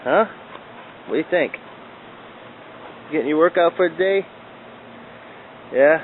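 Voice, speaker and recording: A man's voice: a little high, unhurried. A man in his back yard talking playfully to his dog while filming it on a handheld camera. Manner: playful, coaxing baby talk to a dog. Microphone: handheld video camera. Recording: tinny lo-fi camera audio, faint outdoor noise.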